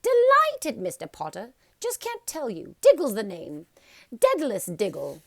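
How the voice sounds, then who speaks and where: Woman doing a squealing, excitable little gentleman. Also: on the high side, unhurried, vocal fry, pitched above the performer's own voice, exaggerated voice. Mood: delighted, gushing. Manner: exclaiming, gushing, overexcited. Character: excitable, delighted little man in a top hat.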